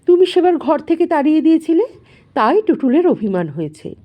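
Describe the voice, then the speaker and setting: A woman's voice: high-pitched, sing-song, brisk, muffled recording, voice pushed up. A woman voicing a doting, touchy elder daughter who speaks in a pleading, reproachful way.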